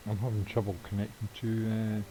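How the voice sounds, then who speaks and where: A man's voice: lowish voice, level tone, brisk, crowd noise, rough recording. A middle-aged man streaming a game, chatting casually in a rambling way with offhand swearing. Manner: rambling, swears casually, chuckles at own jokes. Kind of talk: casual live-stream chat while gaming.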